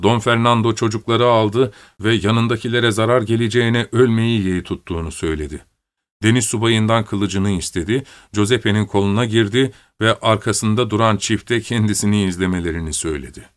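A man narrating an audiobook in a steady, measured reading voice. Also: lowish voice.

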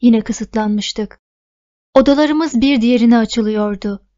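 Female audiobook narrator, first-person novel, higher voice, steady storytelling, muffled lo-fi audio. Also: slow pace.

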